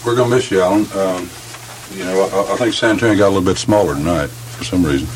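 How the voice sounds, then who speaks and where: Very deep-voiced man, rambling caller. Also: fast, a little hiss or hum, poor audio. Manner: rambling, heartfelt, repeats himself. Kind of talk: casual call-in talk.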